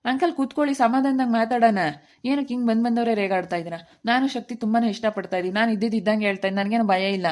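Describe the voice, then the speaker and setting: A woman's voice: on the high side, rapid-fire, darkish tone, natural voice. A woman playing a defiant young man in love who argues back insistently, in an amateur family skit.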